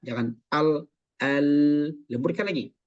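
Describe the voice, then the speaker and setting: A man teaching Quran recitation in an online class, patiently correcting students and modeling each sound slowly. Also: a little high, no room sound, lo-fi sound. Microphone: video call.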